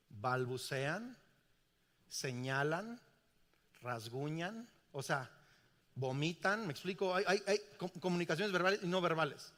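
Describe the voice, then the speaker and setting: A man's voice: on the high side, fairly bright tone. A middle-aged man, preaching a sermon emphatically and asking the congregation questions. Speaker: pastor. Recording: reverberant church hall.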